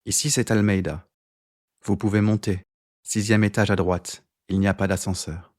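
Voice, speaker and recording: Audiobook figure: a man doing a weary old man in his sixties, thick voice, very low, fatalistic. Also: fairly even intonation, moderate pace, a little mellow, close to an everyday voice. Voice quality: thick, pasty voice.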